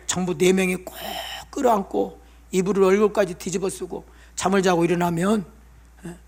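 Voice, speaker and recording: A man's voice: sits high, a little mellow. A male pastor preaching in a church, giving an emotional testimony with pleading prayers. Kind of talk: sermon. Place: church sanctuary.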